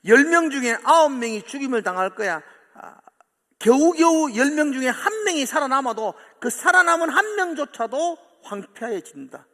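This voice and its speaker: A man preaching a sermon as pastor, animated, acting out quoted voices with sudden swings from loud to soft. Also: extremely high pitch, moderate pace. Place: church sanctuary. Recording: long church hall reverb.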